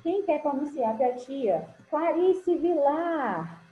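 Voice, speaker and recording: Speaking slowly, with a high pitch and wide swings in tone, a woman with a Brazilian Portuguese accent runs an online English lesson on numbers for kids, encouraging them with affectionate nicknames. It comes through a video call, so the sound is roomy, muffled, and lightly hissy.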